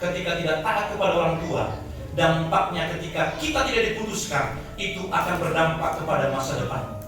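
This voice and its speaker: A man in his forties preaching a Christmas Eve sermon, moving between quiet personal storytelling and loud shouted exhortation. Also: a little high, a little fast. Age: 40s. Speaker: pastor. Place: large church hall. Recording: echoey church hall, mic from a distance, music behind.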